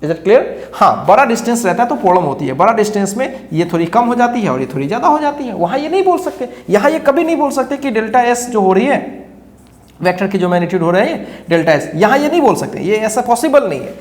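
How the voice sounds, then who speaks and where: A man's voice: high-pitched, very animated, fast talker. A male teacher giving a lecture who keeps quizzing his students with rhetorical questions and repeats key phrases as he explains. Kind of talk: classroom lecture. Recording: echoey room.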